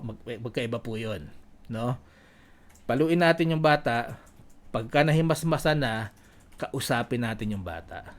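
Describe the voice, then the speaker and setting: Male preacher, higher voice, conversational sermon delivery, code-switches often. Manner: mixes Tagalog and English, asks "no?" often. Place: church.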